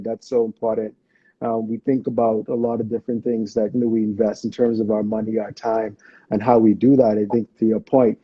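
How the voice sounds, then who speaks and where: A man's voice: lowish voice, warm tone, slightly rough, no room sound, dull audio. A man from the Bahamas hosting a podcast, affirming and reflective, often praising his guest in casual interview chat. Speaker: podcast host.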